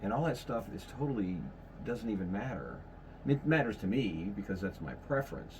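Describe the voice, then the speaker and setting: A man's voice: on the low side, lively intonation, fairly quick, background noise. A man in his fifties hosting a podcast in casual chat, rambling and correcting himself as he goes. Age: 50s. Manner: rambling, self-correcting, folksy. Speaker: podcast host.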